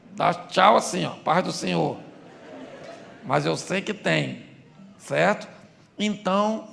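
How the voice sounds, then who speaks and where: High, gravelly Brazilian pastor preaching. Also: male voice, a bit bright, a little hiss or hum. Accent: Brazilian Portuguese. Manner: joking, asks the crowd questions. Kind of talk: humorous sermon.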